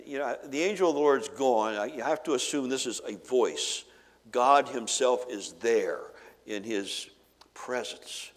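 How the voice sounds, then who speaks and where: A pastor preaching a sermon to his congregation, retelling a Bible story with animated, acted-out dialogue. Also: fairly low pitch. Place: church sanctuary. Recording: long reverb of a large hall.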